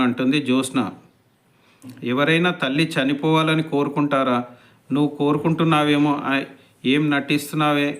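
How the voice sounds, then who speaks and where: A man's voice: medium pitch, fairly bright tone. A man retelling a TV serial episode, quoting each character's lines in a plain narrating voice.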